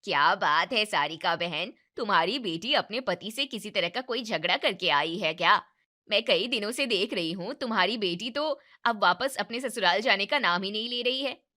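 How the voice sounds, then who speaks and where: A woman voicing a nosy middle-aged neighbor who pries and insinuates in a gossipy way in an animated story. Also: medium pitch, normal speed. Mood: prying. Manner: prying, insinuating.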